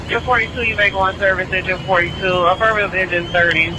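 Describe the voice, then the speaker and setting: A man's voice: high-pitched, steady tone, fast. A man working as a fire dispatcher, giving formal, urgent radio calls and repeating them over a two-way radio. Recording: radio scanner audio under very loud vehicle noise.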